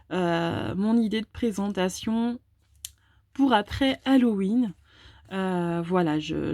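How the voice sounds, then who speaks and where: A woman's voice: medium pitch, warm tone, no echo. A woman hosting a casual presentation of oracle card decks, chatty and hesitant with many fillers. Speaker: tarot and oracle card channel host.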